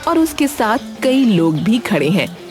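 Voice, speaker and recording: A woman narrating an animated story in a steady storytelling manner. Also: on the high side, a little slow, soft background music.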